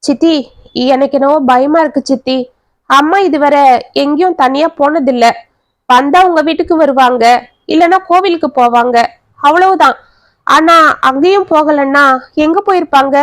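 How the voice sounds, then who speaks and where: A woman's voice: high voice, fairly quick, no echo, lightly acted. A woman voicing a worried young married man who pleads and questions as he searches for his missing mother. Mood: anxious.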